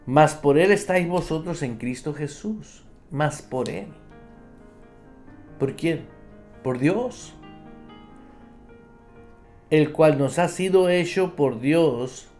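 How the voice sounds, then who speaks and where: Slow, emphatic preaching pastor. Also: male voice, on the high side, darkish tone, faint music behind. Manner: emphatic preaching, acts out believers' complaints; addresses listeners directly as brother. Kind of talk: radio sermon.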